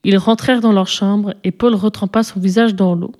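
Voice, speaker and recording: A woman narrating a children's story as an audiobook, in calm, clear storytelling. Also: mid-range voice, normal speed.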